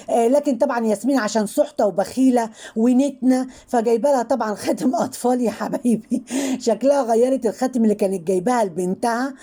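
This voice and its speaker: Fast-talking Egyptian woman gossiping. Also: fairly high pitch, dark tone. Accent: Egyptian Arabic. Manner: chatty, mocking, repeats filler words constantly. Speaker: channel host commenting on online personalities. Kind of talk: casual gossip commentary.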